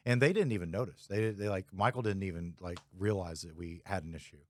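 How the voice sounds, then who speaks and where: With a deep, darkish voice and a slightly fast pace, a male podcast host and photographer talks casually, drifting along in a laid-back way and leaning on fillers.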